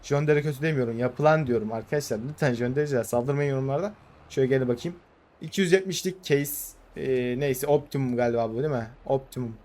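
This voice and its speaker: A young man giving casual, excitable commentary over a farming game, urging the vehicle on with quick repeated words. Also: mid-range voice. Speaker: gaming YouTuber. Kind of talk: casual let's-play commentary.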